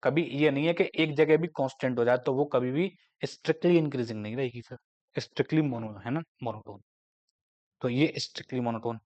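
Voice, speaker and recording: A man giving a math lecture, explaining step by step and slowing down to dictate definitions. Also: medium pitch, darkish tone, highs cut off. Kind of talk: classroom lecture.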